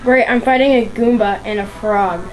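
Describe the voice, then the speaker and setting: A woman's voice: medium pitch, moderate pace, slight background noise, poor audio. A woman giving casual commentary as she plays a video game. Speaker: let's play gamer. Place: indoors beside a television running a game. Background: video game music.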